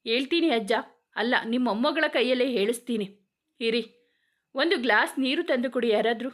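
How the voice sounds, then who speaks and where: A woman's voice: fairly high pitch, moderate pace, natural voice. A woman voicing a tough male police officer who interrogates suspects in a commanding, threatening way. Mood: stern.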